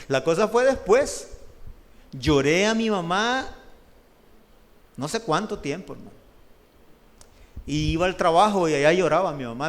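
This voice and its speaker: A middle-aged man with a Salvadoran Spanish accent preaches a testimony sermon, telling his story in an animated way and often calling listeners "brother." His voice is on the high side, and a long hall reverb surrounds it.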